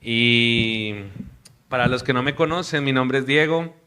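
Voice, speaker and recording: A man's voice: mid-range voice, unhurried, slight background noise. A young man from Colombia, a missionary preaching an earnest sermon to a congregation. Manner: earnest, warm preaching with hushed prayer.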